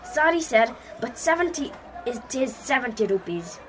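A woman's voice: a little high, big pitch swings, normal speed, slight background noise, poor audio. A woman playing an eager, deferential Indian male tour guide with an Indian accent and polite broken English, in a comedy drama. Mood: apologetic, placating.

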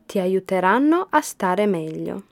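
A woman voicing a kind, hopeful girl who plants magic seeds, in a storybook reading with bright, eager lines. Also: medium pitch, very animated, unhurried, gravelly.

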